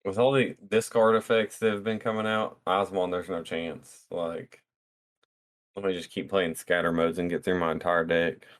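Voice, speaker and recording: A man co-hosting a podcast, relaxed and jokey, reading out listener questions in casual chat. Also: deep voice, moderate pace. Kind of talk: casual card game chat.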